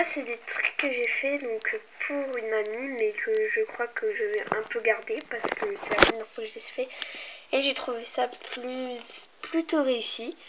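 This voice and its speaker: Young woman, voice cracking, slightly sick, hesitant rambling show-and-tell, lo-fi muffled sound, noisy background. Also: a little high. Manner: hesitant, rambling, self-interrupting. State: slightly sick, clearing throat and coughing. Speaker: amateur video maker presenting handmade doll furniture. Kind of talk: casual show-and-tell chat. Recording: dull lo-fi home recording, clear noise.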